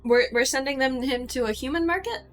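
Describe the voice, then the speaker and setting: A woman playing a tabletop game in a relaxed, easygoing way, planning with the group. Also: high-pitched, brisk, soft background music. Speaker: player. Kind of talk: casual tabletop play.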